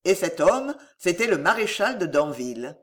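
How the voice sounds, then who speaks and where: A reader narrating a historical adventure novel as an audiobook, with dramatic, expressive storytelling. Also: medium pitch, moderate pace.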